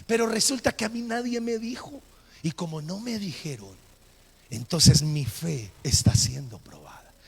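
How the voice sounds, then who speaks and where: A middle-aged Colombian pastor preaching a sermon, animated and acting out scenes, in an echoing church hall. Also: male voice, high voice, normal speed, vocal fry, husky.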